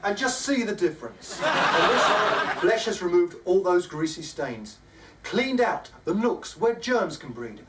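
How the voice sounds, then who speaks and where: High-pitched brash spoof soap-powder pitchman played by a man. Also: sing-song, a little slow. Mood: salesmanlike zeal. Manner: salesmanlike, emphatic. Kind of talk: spoof TV advert presentation. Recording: distant noisy camcorder sound, loud audience.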